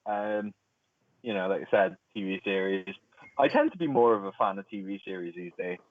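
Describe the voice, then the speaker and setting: Give me a young man with a lower voice, heard over a thin, phone-like call with a bad connection, chatting and rambling casually. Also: moderate pace. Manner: rambling, laughs easily, restarts words. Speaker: podcast co-host. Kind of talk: casual chat among friends. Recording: tinny phone-like call audio, dry.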